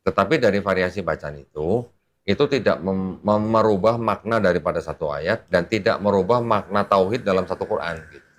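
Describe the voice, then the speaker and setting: Low-voiced male teacher type; patient, casual, explains with homely examples. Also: a little fast. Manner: patient, uses everyday examples, laughs often. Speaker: Islamic teacher explaining to a guest.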